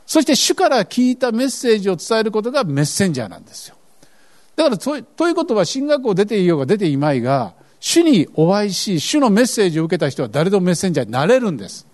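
Male pastor, sermon, high and lively delivery, earnest questioning tone. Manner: earnest, asks the congregation questions.

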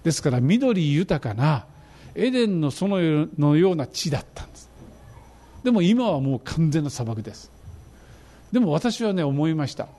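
A middle-aged man preaching a sermon, animated and fervent, describing travel photos to his congregation. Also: fairly high pitch, moderate pace. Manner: animated, rising to fervent emphasis. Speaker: pastor.

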